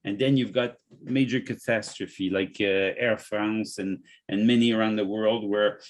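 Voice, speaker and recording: A man's voice: lowish voice, fairly even intonation. Guy hosting a health podcast, casual chat, keeps restarting his sentences, stumbles on words. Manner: halting, repeats words often. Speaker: podcast host and natural health business owner.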